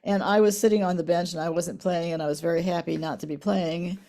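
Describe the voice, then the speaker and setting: A woman in her eighties, reminiscing in a casual family interview, soft-spoken, her voice trailing off quietly at the ends of lines. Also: lowish voice, steady tone, quick pace. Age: 80s. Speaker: interviewee, the mother.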